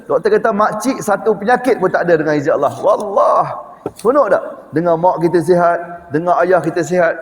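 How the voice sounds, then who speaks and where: A middle-aged man giving an evening lecture in a mosque, talking animatedly and putting rhetorical questions to his listeners. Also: high voice. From Malaysia. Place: mosque prayer hall. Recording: echoey mosque hall reverb.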